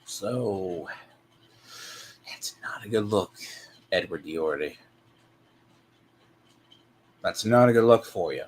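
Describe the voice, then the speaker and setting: A man giving off-the-cuff reaction commentary in a deliberate, needling, disapproving way. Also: deep voice, lively intonation, slightly rough. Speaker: commentator reacting to a played recording.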